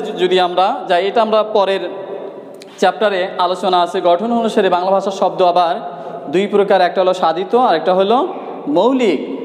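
A man's voice: sits high, darkish tone. A male teacher from Bangladesh giving a grammar lesson, repeating key points and asking the students rhetorical questions. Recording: echoey room with long reverb.

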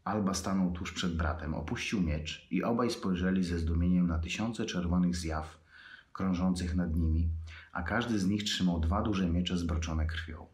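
A man with a very deep voice reads his own fiction aloud. His reading is measured and unhurried, with pauses between phrases. The voice sounds in an echoey room.

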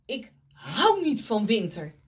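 A woman's voice: mid-range voice, wildly swooping pitch, takes it slowly. A woman voicing a grumpy, sleepy male turtle in a read-aloud picture book, grumbling and mumbling curtly.

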